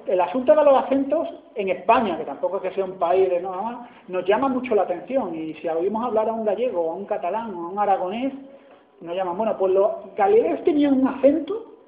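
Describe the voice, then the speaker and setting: A man from Spain with an Andalusian accent, preaching a sermon in a chatty way and often asking his listeners "¿no?". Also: sits high. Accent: Andalusian Spanish. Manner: conversational, asks "¿no?" often. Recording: echoey hall over a tinny line.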